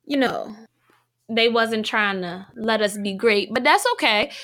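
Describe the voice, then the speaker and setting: Bright animated young woman co-host. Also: a little high, unhurried. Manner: animated, laughing, slangy. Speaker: podcast co-host. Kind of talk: casual chat. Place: home, Minneapolis.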